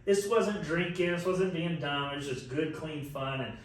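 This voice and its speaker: A man's voice: a little high, moderate pace. A man of forty telling a long story in a casual chat, laughing often and swearing freely. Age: 40s. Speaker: podcast co-host. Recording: echoey room, mic at a distance.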